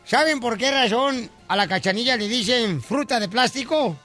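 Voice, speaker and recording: A man's voice: very high voice, normal speed, bright, forceful tone, faint music behind. A man hosting a comedy radio show, teasing his co-hosts and laughing a lot between jokes. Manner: teasing, laughs often, joke-quiz delivery. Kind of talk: comedic morning radio banter.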